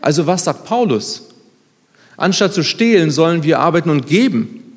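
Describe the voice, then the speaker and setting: A man in his thirties preaching a sermon, lively and conversational, swinging between loud emphatic lines and quiet, low asides. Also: moderate pace. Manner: conversational, self-deprecating asides. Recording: long hall reverb.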